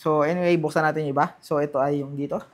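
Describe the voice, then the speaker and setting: A man with a Filipino accent doing a casual hands-on unboxing, halting a little as he thinks aloud. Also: a little high, steady tone. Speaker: gadget vlogger.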